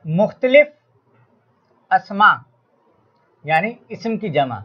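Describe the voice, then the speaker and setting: A man's voice: high voice, very animated, takes it slowly, lo-fi sound. A man teaching an Urdu grammar lesson to students, addressing them formally and stressing his examples in a raised voice. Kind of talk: classroom lesson.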